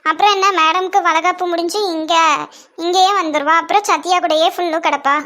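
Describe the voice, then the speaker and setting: A very high, bright voice carries this family cartoon, a woman voicing chatty young women and a fussing mother. She speaks with a Kanyakumari Tamil accent. Her tone moves between teasing, scolding and motherly. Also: steady tone, brisk.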